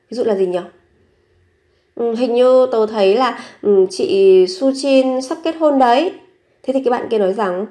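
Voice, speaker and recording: Brief: woman, language teacher, steady mid-pitched voice, slow patient drill-and-explain delivery. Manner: repeats each phrase slowly, then explains it. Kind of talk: bilingual language lesson.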